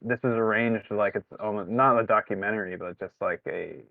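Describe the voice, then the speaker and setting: A man's voice: fairly low pitch, fairly even intonation, a little fast, creaky, dry recording. A man co-hosting a film podcast over an online call. He talks in loose, searching sentences, and his call audio sounds muffled and underwater. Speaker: podcast co-host. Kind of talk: casual film discussion.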